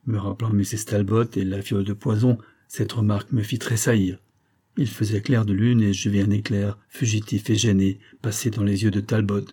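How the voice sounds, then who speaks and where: A man narrating a serialized detective story as an audiobook, in a measured, even way. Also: on the low side, slightly rough. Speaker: audiobook reader. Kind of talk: literary narration.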